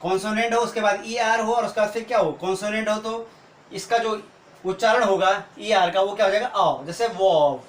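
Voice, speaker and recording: A man's voice: high-pitched, brisk. A man teaching a video lesson, explaining step by step and often asking rhetorical questions. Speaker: English teacher. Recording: echoey room with faint noise.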